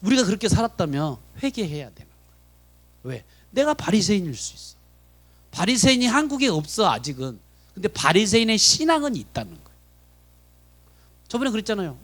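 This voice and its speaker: High, animated male preacher. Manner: keeps questioning the congregation. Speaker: pastor. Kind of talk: sermon at a Friday prayer meeting. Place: church sanctuary.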